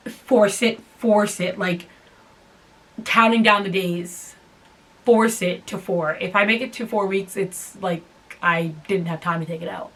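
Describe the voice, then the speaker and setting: A woman's voice: medium pitch, fairly bright tone. A young woman chatting casually to camera at home while braiding her hair, exasperated and self-mocking. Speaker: hair vlogger. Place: at home, indoors.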